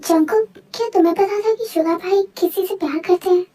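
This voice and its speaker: A woman's voice: extremely high pitch, brisk, dark tone, far from the mic. A woman voicing a chatty, loyal young woman in a fan voice-over drama. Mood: upset. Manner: chatty, teasing.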